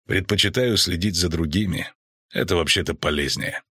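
Brief: male narrator playing a weary, curt monster hunter, low and flat. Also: normal speed, slightly rough, dry recording, studio quality. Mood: dry. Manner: terse and flat.

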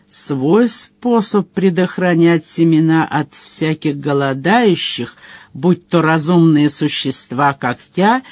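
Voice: medium pitch, a little mellow, no room sound, studio quality. A reader voicing a brash, streetwise male otter rogue who teases his companions with slangy banter in an audiobook. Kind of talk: audiobook character voice.

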